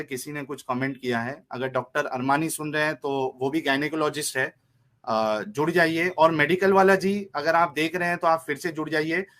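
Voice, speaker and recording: A man's voice: on the high side, sharp tone. A man hosting a heated live-stream debate, interrupting and mocking the caller.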